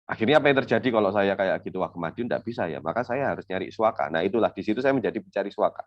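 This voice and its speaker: A man's voice: lowish voice, lively intonation, rapid-fire, dry recording. A young man giving a webinar lecture, explaining things in a conversational way with a lot of fillers and made-up examples, recorded over a video call. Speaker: webinar speaker on refugee law. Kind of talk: academic webinar presentation. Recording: dull lo-fi video call audio.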